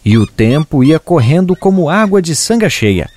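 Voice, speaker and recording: Expressive storyteller, a man. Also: a little high, moderate pace. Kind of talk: regional folk tale narration.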